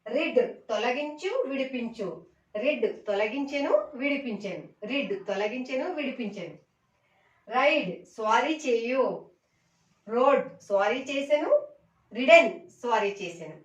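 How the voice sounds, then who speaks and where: A woman teaching a slow, repetitive vocabulary lesson, reciting each word and its meaning twice and speaking to viewers as friends. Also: on the high side, expressive, echoey room, distant mic, poor audio. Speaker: English teacher.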